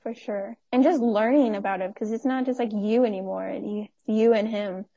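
Speaking in a mellow, mid-range voice with fairly even intonation, this twenty-something guest keeps the interview chat casual. She runs a nonprofit, laughs easily, and fills her speech with fillers.

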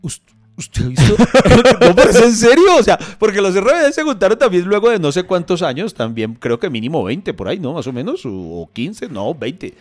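Male Colombian co-host, casual banter, very animated intonation, somewhat raised pitch. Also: normal speed. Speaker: podcast co-host. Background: faint music.

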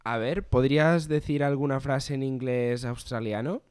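A man's voice: mid-range voice, fairly even intonation, a little mellow, clear, resonant tone, dry recording. Chatty man interviewing, dry sound. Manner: chatty, quick to agree. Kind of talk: casual interview.

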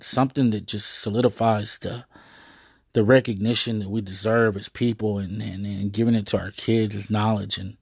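A man's voice: on the low side, a little mellow, husky, dry recording, studio quality. A man giving a rambling, earnest monologue to his viewers, full of hesitations and fillers. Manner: earnest, proud.

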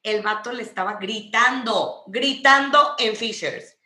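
A woman's voice: mid-range voice, normal speed. Slangy Mexican woman in an echoey room. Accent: Mexican Spanish. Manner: slangy, animated storytelling with swearing. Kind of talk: casual chat.

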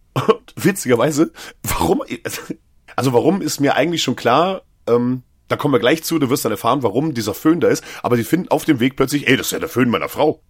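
A man's voice: mid-range voice, slightly rough, no room sound, studio quality. A man co-hosting a podcast, casually retelling a film's plot and briefly acting out the characters' lines amid filler words. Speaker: podcast co-host. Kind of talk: casual film recap.

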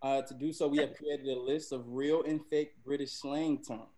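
A polite man explains the rules of a quiz game in a plain, even voice. He sounds a little sheepish and laughs at his own fumbles. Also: mid-range voice, normal speed. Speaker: game segment presenter.

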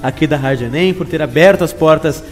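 Quick-talking southern Brazilian male interviewer. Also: on the high side. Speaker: interviewer and host. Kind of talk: casual, friendly interview. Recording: reverberant room with music underneath.

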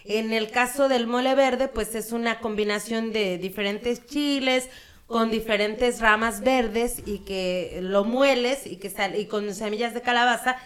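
A woman's voice: on the high side, fairly bright tone. A woman from Guerrero with a Mexican accent, chatting casually as a podcast guest. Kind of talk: casual chat.

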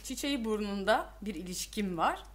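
A woman's voice: mid-range voice, lively intonation, moderate pace. A young woman co-hosting a podcast, telling stories with frequent laughter and defending herself in casual chat. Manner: laughing, self-defending storyteller. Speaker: podcast co-host.

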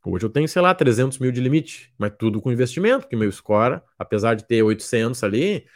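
A man's voice: mid-range voice, very animated, a little fast. A man giving a blunt, joking talk as a mentor, often acting out what his students say. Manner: blunt, jokey, acts out students' lines. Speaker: miles program mentor. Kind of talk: casual motivational talk.

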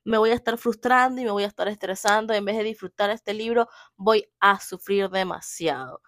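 A young woman talking about books in a casual, opinionated way, emphatic and animated, often repeating her points. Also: mid-range voice, normal speed, dry recording, clean studio sound. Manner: emphatic, animated, keeps repeating "así de simple". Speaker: book vlogger.

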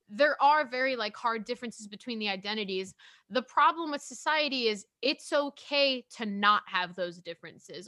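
Woman, podcast co-host, chatty, animated, bright forceful voice, dry close recording. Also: fairly high pitch, no echo. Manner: chatty and animated, full of "like" and restarts. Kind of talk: casual podcast chat.

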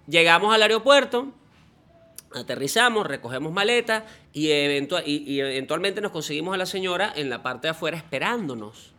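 A man with a Venezuelan Spanish accent, co-hosting a casual podcast and telling an anecdote in a lively way. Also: a little high, fairly quick. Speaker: podcast co-host. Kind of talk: casual chat.

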